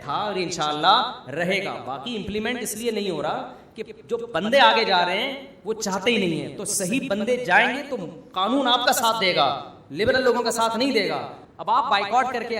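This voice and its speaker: A man's voice: high voice, fairly bright tone. A middle-aged man from Pakistan, an Islamic preacher, giving a humorous conversational sermon full of rhetorical questions and jokey asides. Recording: very echoey, mic far off.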